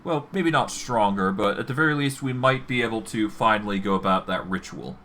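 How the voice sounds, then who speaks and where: A man's voice: lowish voice, brisk, pushed and bright, a little hiss or hum. A man streaming a video game, giving commentary and reading the game's text aloud.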